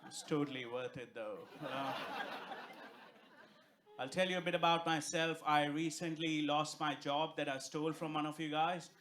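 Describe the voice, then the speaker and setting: A young Indian man with an Indian accent performs stand-up on a comedy club stage, firing off brash, profane punchlines to a live audience. His voice is fairly high and fairly even in intonation, delivered at a moderate pace. The background is noisy with audience laughter.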